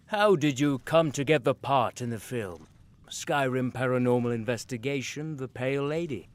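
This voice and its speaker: A man's voice: mid-range voice, normal speed, close to an everyday voice. A man voicing a polite, formal male interviewer asking careful questions.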